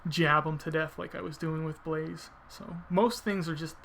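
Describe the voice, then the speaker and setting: Commentating casually over gameplay, a male video game player talks at a normal speed in a steady, sharp, somewhat high voice with a narrow range and a creaky edge. He explains technique informally and thinks aloud, with some noise in the background.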